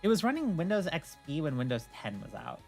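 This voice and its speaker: A streamer and host with a low-pitched voice talks briskly on her livestream, faint music behind her. She tells animated stories in a blunt, opinionated manner, swearing as she chats casually.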